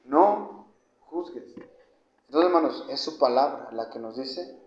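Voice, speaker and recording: A man preaching a conversational sermon, calling his listeners brothers and swinging from loud to quiet. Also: medium pitch, moderate pace. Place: church hall. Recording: echoey church, dull lo-fi sound.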